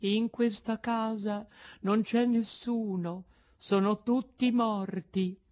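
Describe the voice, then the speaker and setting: A man's voice: high voice, steady tone, slow pace, darkish tone, pitched above the performer's own voice. A man voicing a pale, ghostly little girl with a faint, otherworldly small voice, in a storybook reading. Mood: eerie.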